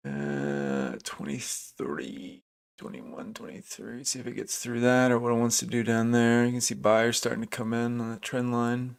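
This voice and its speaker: A man thinks aloud while commenting on a live trading stream, with a gravelly edge to his voice. His pitch sits in the middle for a man. He talks casually, restarts sentences and answers viewers by name. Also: moderate pace, few pauses. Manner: thinking aloud, chatty, restarts, reads out chat names. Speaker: livestream day trader.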